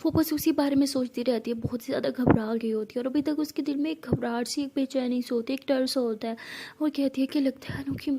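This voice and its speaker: Woman storyteller, high pitch, mellow tone, chatty, speaks to viewers. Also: fairly even intonation, fairly quick, a little hiss or hum. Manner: chatty, addresses viewers directly. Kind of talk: story narration.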